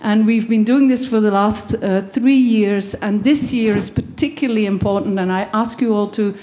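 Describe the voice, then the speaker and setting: A woman's voice: medium pitch, normal speed, mellow. A woman from Belgium giving an earnest faith-based talk on education, with frequent ums and restarts. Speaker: guest speaker.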